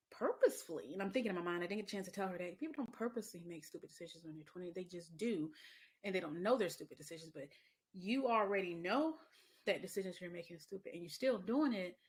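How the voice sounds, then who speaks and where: A woman's voice: fairly low pitch, animated, quick pace. A middle-aged woman hosts her podcast, telling a story in a casual, chatty way with plenty of asides and laughter. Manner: chatty, laughs often, lots of fillers and asides. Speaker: podcast host.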